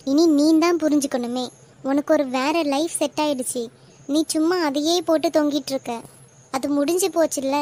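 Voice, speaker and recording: A woman voicing young women in an animated love drama, speaking with a Kanyakumari Tamil accent in an emotional way. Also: high-pitched. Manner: emotional, tearful at times. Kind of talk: animated web series voice acting.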